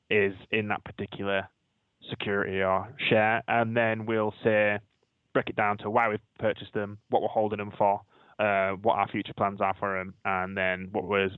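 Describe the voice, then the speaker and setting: A man's voice: fairly low pitch, monotone, normal speed, smooth, dry recording. A man with a Yorkshire accent chatting casually as a podcast co-host, informal, slangy and matey in manner. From Yorkshire, England. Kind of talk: casual chat. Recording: dull, lo-fi audio.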